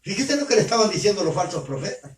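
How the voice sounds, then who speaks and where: A man preaching, retelling a scripture story in an animated way and speaking directly to his listeners as brothers. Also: high-pitched, quick pace. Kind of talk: sermon storytelling. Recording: roomy sound from far off.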